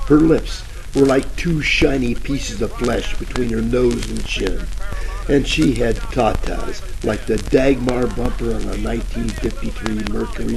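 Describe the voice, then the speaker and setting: A man playing a wisecracking, hapless private eye in a parody of old radio detective drama, with deadpan delivery. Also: medium pitch, vocal fry. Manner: deadpan, wisecracking first-person narration. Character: wisecracking hardboiled male gumshoe, hapless and flirty. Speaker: narrator and lead actor. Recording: crackly old-time radio with music.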